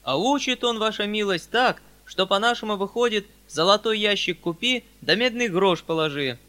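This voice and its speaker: A man voicing a crowd of humble old-time peasants who wail and implore in a drawn-out way. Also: high-pitched, bright, forceful tone, voice pushed up. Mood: plaintive.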